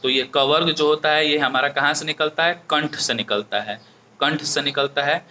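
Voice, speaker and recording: Bright-voiced male teacher. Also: on the high side, moderate pace, a little hiss or hum. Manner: explains step by step, keeps asking "ठीक है?". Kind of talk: exam-prep grammar lesson.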